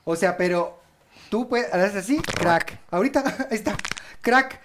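A woman's voice: medium pitch, animated, moderate pace, noisy background. A woman co-hosting a casual comedy chat, playfully acting out sounds as she jokes. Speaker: co-host.

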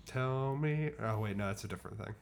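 A man co-hosting a podcast in casual chat, excitable and joking, swearing freely. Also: fairly low pitch, a little fast, vocal fry. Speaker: podcast co-host.

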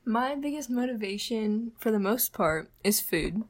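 A woman guest answering interview questions, soft-spoken and hesitant. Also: fairly high pitch, animated, measured pace.

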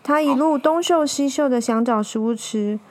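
High-voiced woman telling a kids' story. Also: normal speed. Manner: animated, asks listeners to join in. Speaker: children's storyteller. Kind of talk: storytelling to children.

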